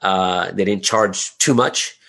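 This time the business owner's low voice comes out slow, with vocal fry, sounding pushed and bright. Being interviewed about his work as an audio drama creator, he answers casually, musing aloud and repeating phrases.

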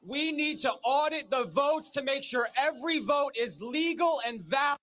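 A man giving an emphatic rally speech, shouting out his key lines to a crowd. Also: very high voice, lively intonation, moderate pace. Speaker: rally speaker, protest organizer.

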